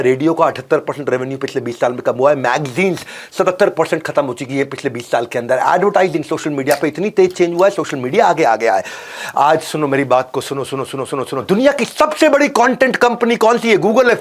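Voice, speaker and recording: An emphatic man gives a motivational business talk. His voice sits fairly high for a man. He hammers key phrases through repetition and swings between loud punches and soft, low asides. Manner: emphatic, repeats lines for stress, swings from loud to hushed. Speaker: business coach.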